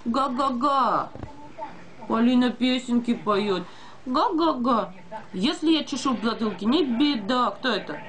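High-voiced woman reading to a toddler. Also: expressive, normal speed, hardly any pauses, poor audio. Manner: sing-song child-directed talk with repeated questions and animal sounds. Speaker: mother. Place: dim room at home. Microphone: handheld phone nearby.

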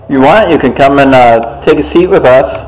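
A man's voice: medium pitch, normal speed, a little mellow, faint music behind, low-quality recording. A man talking casually as he leads a group of paranormal investigators on location indoors. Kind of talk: casual on-location ghost-hunt talk. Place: indoors in a dark theater.

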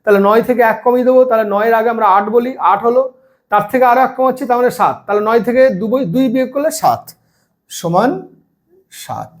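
A man's voice: very high voice, animated, fast talker. Man, patient maths tutor, casual lesson, step-by-step explaining. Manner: clears throat now and then. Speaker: maths teacher for first graders.

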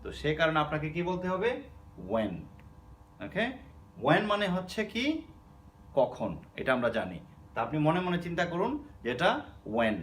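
A man with a Bangladeshi accent patiently explains an English lesson aloud, repeating words and checking in with his students through "okay?". His voice is mid-range, and the recording carries a little hiss or hum.

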